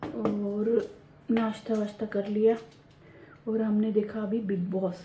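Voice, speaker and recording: A woman in her thirties talks softly through her day at home, chatty and confiding, keeping her voice low. Her tone is mellow and warm. The voice-over sounds roomy, with a faint ambience behind it. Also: little pitch movement, takes it slowly, slight background noise. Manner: soft, hushed talking. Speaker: home vlogger. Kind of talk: quiet voice-over narration of daily chores.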